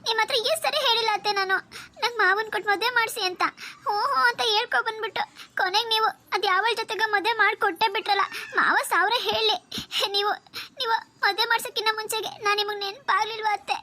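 Woman doing a whiny lovesick girl, very high squeaky voice, tearful, pleading, cartoon. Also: fast talker, pushed and bright. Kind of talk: Kannada cartoon voice acting.

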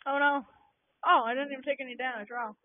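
A young-sounding gaming channel host giving casual, rambling let's-play commentary with many fillers, recorded on a cheap low-quality microphone. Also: steady tone, fast talker, dry recording. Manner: rambling, self-conscious, lots of fillers. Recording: tinny lo-fi cheap mic.

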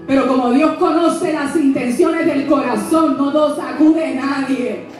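A woman pastor preaches a lively, joking sermon and keeps asking the congregation questions. Her voice sits high. She is recorded from a distance in a church with a lot of echo, and music plays behind her. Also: slow, a crowd in the background.

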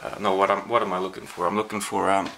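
Here a young Swedish-accented man talks fast in a deep, flat, bright and forceful voice. Camera in hand at arm's length, he vlogs casually from his small apartment, rambling and running himself down, with a little hiss or hum in the audio.

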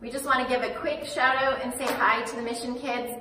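Bright woman in a very echoey room. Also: high-pitched, steady tone, brisk. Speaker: children's ministry leader. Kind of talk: casual greeting to kids. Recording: very echoey room, far from mic.

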